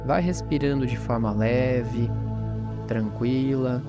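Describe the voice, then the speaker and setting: A Brazilian man guiding a meditation in a calm, soothing, unhurried manner with gentle pauses. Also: medium pitch. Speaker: meditation guide and podcast host. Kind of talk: guided meditation. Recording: voice over new-age music. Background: new-age music.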